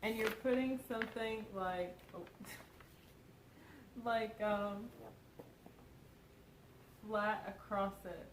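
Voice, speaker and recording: A woman's voice: medium pitch, steady tone, very slow, long pauses, echoey room, slight background noise, poor audio. A young woman from Kentucky with a mild Southern accent, co-hosting a casual, giggly chat. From Kentucky, USA. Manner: chatty, giggly. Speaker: co-host.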